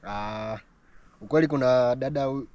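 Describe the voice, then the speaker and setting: A man from Tanzania with a Tanzanian accent, a native Swahili speaker, chatting casually outdoors in a halting way. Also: mid-range voice, a little mellow, no echo. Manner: halting, limited English. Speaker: YouTuber and vlog guest. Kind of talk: casual chat. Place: outdoors in a village. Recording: clearly noisy outdoor recording.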